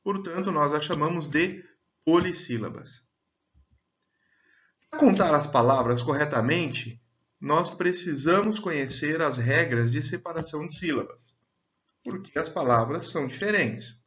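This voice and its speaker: A man teaching a grammar lesson, speaking slowly and deliberately and drawing out example words. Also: fairly high pitch, a bit bright. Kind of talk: slow, clear grammar lesson. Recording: dull, lo-fi sound.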